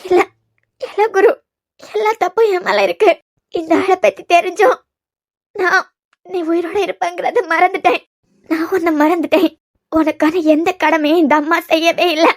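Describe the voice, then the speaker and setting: A grieving cartoon mother with a Kanyakumari Tamil accent, pleading over and over through tears, as a woman voices her. Her voice is very high. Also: fairly even intonation, normal speed, long pauses. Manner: pleading, tearful, repetitive. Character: grieving elderly mother begging her lost son's forgiveness. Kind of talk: cartoon web series voice acting.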